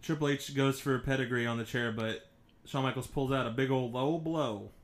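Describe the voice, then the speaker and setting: A man's voice: mid-range voice, fairly quick. A man co-hosting a podcast, recapping a wrestling match move by move in a laid-back way. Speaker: podcast co-host.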